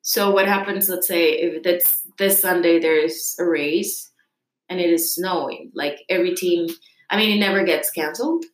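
Girl hosting a chat, lots of likes and fillers, lowish voice, roomy echo. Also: moderate pace. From Costa Rica. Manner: curious, chatty questioning with many fillers. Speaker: host. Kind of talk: casual interview. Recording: echoey room.

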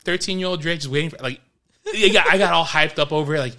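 A man's voice: a little high, fast talker. A man co-hosting a podcast, casually telling a story and acting out the quotes. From New York. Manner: animated storyteller, acts out quotes. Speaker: podcast co-host.

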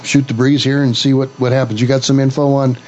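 A man's voice: mid-range voice, flat delivery, fast talker, darkish tone. Offhand man chatting on dull audio. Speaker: co-host of a casual talk show. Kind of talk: casual chat. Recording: dull lo-fi audio with faint noise.

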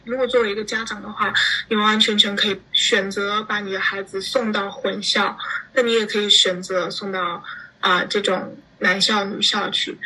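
A teenage girl from China, chatting as a guest in an interview, animated and quick to laugh. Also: medium pitch, slightly rough, rough recording. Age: teens. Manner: chatty, animated, laughs often while explaining. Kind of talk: casual interview chat.

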